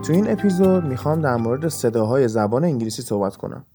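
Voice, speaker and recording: A man's voice: mid-range voice, loud music behind the voice. A man hosting an educational podcast, patiently explaining things step by step with examples. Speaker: podcast host and English teacher.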